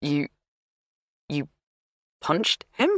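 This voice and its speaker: A woman's voice: low voice, moderate pace, a bit bright, no room sound. Woman doing a flustered male detective. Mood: startled. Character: young male detective, flustered but earnest.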